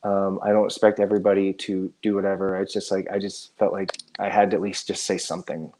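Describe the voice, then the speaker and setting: A man who is a musician, a guest on a live stream, talking in a rambling, halting way with many restarts and trailing phrases. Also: sits low, level tone, a little mellow, a little hiss or hum. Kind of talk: casual live stream chat. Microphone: live stream setup.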